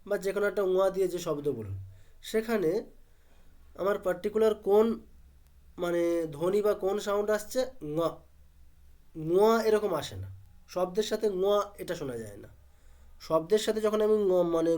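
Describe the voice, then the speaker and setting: A man teaching pronunciation step by step. He asks and answers his own questions and drills each sound slowly. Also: high-pitched, darkish tone.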